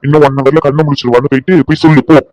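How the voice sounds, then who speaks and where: A man's voice: a little high, steady tone, darkish tone, dry recording, natural voice, rough recording. A man doing a blunt scolding doctor friend. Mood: bossy. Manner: brisk, teasing and scolding, fast bursts. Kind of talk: cartoon drama voice-over.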